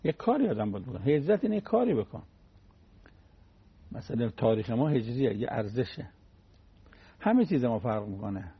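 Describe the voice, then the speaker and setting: Man with a gravelly husky voice doing a folksy religious radio talk, all anecdotes and examples, dull lo-fi sound. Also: mid-range voice, big pitch swings, long pauses. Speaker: cleric giving a religious talk.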